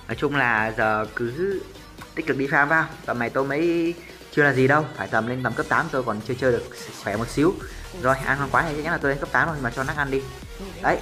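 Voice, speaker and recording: Excitable gamer guy. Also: mid-range voice. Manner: chatty, jumps to excited yelling in fights; self-mocking, cursing banter. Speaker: gameplay streamer. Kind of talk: live gameplay commentary. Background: faint background music.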